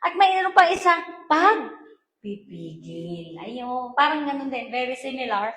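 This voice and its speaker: Woman pastor, high voice, animated sermon, playful, switches between languages, echoey hall. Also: measured pace. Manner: animated, playful, mixes Tagalog and English, acts out quoted voices. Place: church hall.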